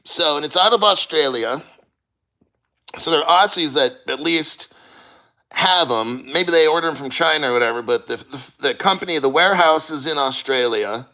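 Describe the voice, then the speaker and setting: A middle-aged man hosts a casual crypto livestream, reading out comments and chatting in a rambling, halting way with plenty of swearing. His voice is fairly high-pitched with a sharp tone.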